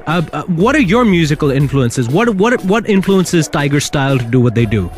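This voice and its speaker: A man's voice: on the high side, sing-song, moderate pace. A man presenting a radio show in an upbeat, emphatic, hype-filled style as he interviews a guest. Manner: enthusiastic, emphatic, repetitive hype. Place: radio studio.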